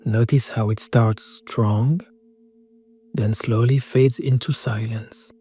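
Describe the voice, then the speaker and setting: Singing bowl tones sound behind a man guiding a meditation. His medium-pitched, husky voice is soothing and measured as he gives calm, scripted instructions in short phrases.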